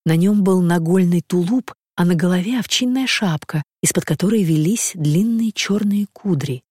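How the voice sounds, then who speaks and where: An audiobook narrator reading a classic novel aloud in an even, measured way. The voice sits at a middling pitch, and the recording is dry and close with no room sound. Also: husky, no echo. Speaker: audiobook reader. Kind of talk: scripted literary narration.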